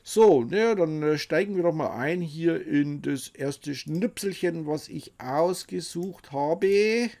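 A man's voice: fairly high pitch, takes it slowly, hardly any pauses, a little mellow. A middle-aged man chatting casually and jokingly as host, talking to himself and to the viewer in reaction commentary. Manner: jokey, talks to himself and the viewer. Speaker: host presenting another creator's channel.

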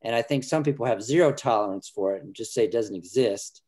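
A man's voice: fairly low pitch, a little mellow. A middle-aged man, a filmmaker guest, talking earnestly from home on a video call, often restarting his sentences. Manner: earnest, halting, many restarts. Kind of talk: casual video call discussion. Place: home room indoors. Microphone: video call webcam.

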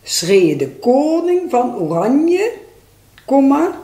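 Slow woman reading a dictation. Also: very animated, mellow, roomy sound. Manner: reads each phrase slowly, then drops low to call out punctuation. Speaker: dictation reader.

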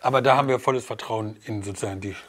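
A man's voice: fairly low pitch, rapid-fire, a bit bright, slight background noise. A man co-hosting a casual podcast chat, talking in a rambling informal way.

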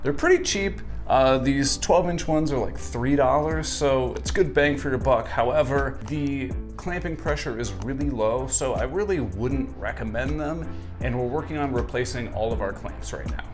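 A man's voice: medium pitch, normal speed, over music. A young man in his twenties, host of a woodworking channel, giving a casual, friendly tour of his small garage workshop with a dry sense of humor, on a lapel mic. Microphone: wireless lapel mic.

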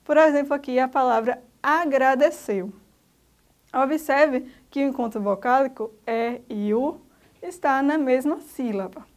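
A Brazilian woman teaching a recorded grammar lesson, her voice sitting high. She speaks slowly and didactically, naming each letter one at a time for young pupils. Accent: Brazilian Portuguese.

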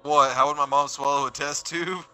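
A man's voice: a little high, fairly even intonation, moderate pace, sharp tone, dry recording, soft background music. A young man chatting casually and crudely, with plenty of swearing, in a gaming voice chat. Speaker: online gamer.

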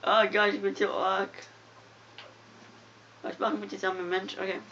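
A young woman giving casual, excitable commentary while playing a game, mumbling one moment and yelping the next. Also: medium pitch, moderate pace. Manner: excitable, giggly, swings from mumbling to loud yelps. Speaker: gamer. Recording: dull lo-fi home recording with faint noise.

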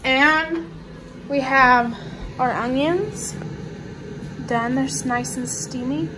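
Teasing high-voiced young woman filming. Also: takes it slowly. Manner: teasing, playful. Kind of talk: casual kitchen vlog narration. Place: home kitchen. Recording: noisy kitchen with sizzling pan.

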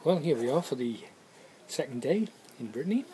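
A middle-aged man talks casually to a camera held at arm's length, relaxed and chatty, pausing with ums as he goes. He is outside in a garden, with birds and a faint hiss of background noise around him. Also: medium pitch. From England. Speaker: homebrew vlogger reviewing beer and cider. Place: garden outdoors on a sunny day.

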